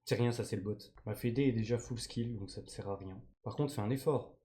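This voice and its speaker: A man's voice: mid-range voice, brisk, warm tone. A man from France streaming a game live, chatting with his viewers in slangy, joking banter. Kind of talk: live-stream gaming commentary.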